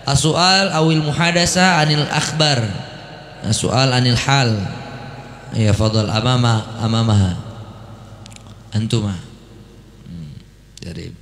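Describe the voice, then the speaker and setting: A man's voice: medium pitch, slow pace, long pauses, a bit bright. A man with an Indonesian accent teaching Arabic at a boarding school, repeating words, quizzing students and acting out short dialogues. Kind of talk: classroom lesson mixing Arabic and Indonesian. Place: classroom at an Islamic boarding school. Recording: echoey hall.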